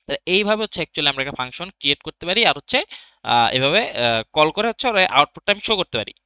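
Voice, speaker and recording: Bright, fast-talking man teaching code. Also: on the high side, very animated, smooth, no room sound. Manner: thinks aloud while typing, asks and answers his own questions. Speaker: programming teacher. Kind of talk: casual screen-recorded coding tutorial.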